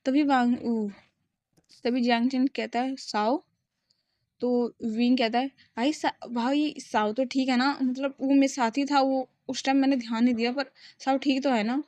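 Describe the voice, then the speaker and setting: A woman's voice: high-pitched, steady tone, moderate pace, a little mellow, no room sound. A woman casually retelling a fan story and speaking the characters' lines in her own voice, often stopping to restart. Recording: dry, dull lo-fi recording.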